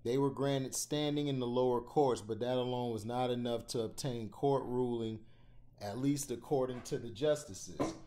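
A man's voice: normal speed, slight background noise. Man reading a news piece aloud. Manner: stumbles and corrects himself while reading; gets louder and higher when he starts giving his own opinion. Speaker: channel host reading news. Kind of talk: reading a news article aloud, then ranting.

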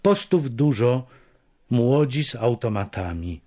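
A man reading literary prose as an audiobook, measured and deliberate. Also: medium pitch, lively intonation, mellow. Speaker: audiobook narrator.

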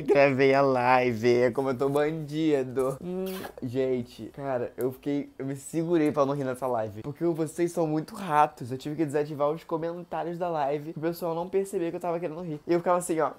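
A young man, chatting excitably through a prank vlog into a phone held close, often on the edge of laughing. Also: fairly high pitch, a little fast, few pauses. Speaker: YouTuber. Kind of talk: casual prank vlog narration.

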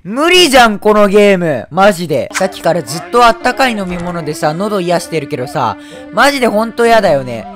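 A man with a hoarse, worn-out voice giving loud, excitable let's-play commentary as a game streamer, with frequent shouted reactions. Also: high voice, fairly quick, faint music behind. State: hoarse throat.

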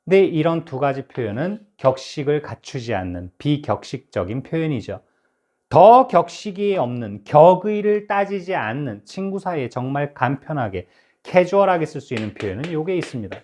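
A man teaching a spoken English lesson, his voice a little higher than most men's and rising and falling with lively energy. He says each English example slowly and carefully, and he stumbles over his words and restarts now and then.

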